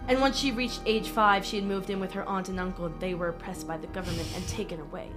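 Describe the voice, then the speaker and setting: Woman game master, lively narrator, laughs often, faint music behind. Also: mid-range voice, fast talker. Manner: lively, laughing, stumbles and corrects herself. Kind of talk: narrating a tabletop role-playing game.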